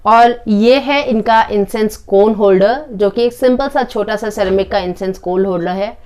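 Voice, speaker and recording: A woman giving a casual product review with a live demo, in calm, unhurried descriptive talk with occasional fillers. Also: medium pitch.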